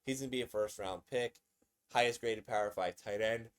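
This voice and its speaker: A man hosting a casual sports commentary video, excitable and conversational, often repeating himself. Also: lowish voice, fairly quick.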